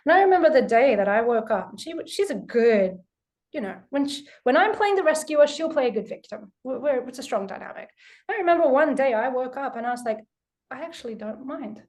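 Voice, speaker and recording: A woman's voice: high voice, lively intonation, fairly quick, a little mellow. Candid, swearing woman teaching an online class. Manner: candid, emphatic, swears freely. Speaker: spiritual teacher. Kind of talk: live online class talk. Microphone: video call.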